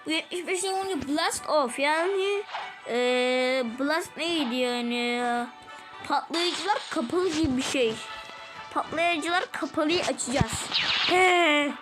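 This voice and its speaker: High-voiced excitable Turkish gaming host. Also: female voice, slow, rough recording. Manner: excitable, talks to viewers, groans and exclaims at the game. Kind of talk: let's-play gameplay commentary. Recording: loud game music behind the voice.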